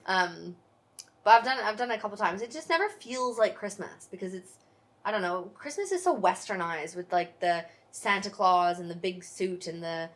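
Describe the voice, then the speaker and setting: A woman's voice: medium pitch, expressive. Canadian-born woman co-host, casual, self-mocking humor. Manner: self-mocking, jokey, drawn-out phrasing. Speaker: podcast co-host. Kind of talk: casual chat.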